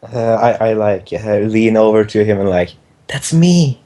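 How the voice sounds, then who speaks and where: A man's voice: fairly low pitch, flat delivery, moderate pace, dark tone. A man playing a tabletop game, describing his moves hesitantly with stumbling starts. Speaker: player. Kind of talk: casual tabletop play.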